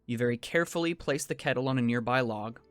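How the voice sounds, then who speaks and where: A man narrating a tabletop fantasy game as game master, in measured, descriptive second-person storytelling. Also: medium pitch, clear, resonant tone, no echo. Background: faint music.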